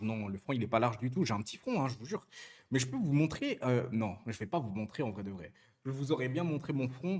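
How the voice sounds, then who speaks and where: A man's voice: mid-range voice, darkish tone. A young man, a streamer chatting casually with his viewers, joking and answering chat messages with many fillers and restarts. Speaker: Twitch streamer.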